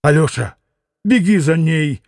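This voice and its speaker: A man's voice: on the high side, animated, unhurried, gravelly, a little mellow, no room sound, studio quality. A man voicing a desperate, passionate young man who pleads and exclaims, in an audiobook reading. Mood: pleading.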